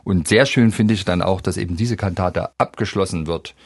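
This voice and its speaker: A man explaining a Bach cantata on the radio in a measured, explanatory way. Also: deep voice, no echo. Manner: measured, explanatory, quotes sung text in a lifted voice. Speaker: music expert guest.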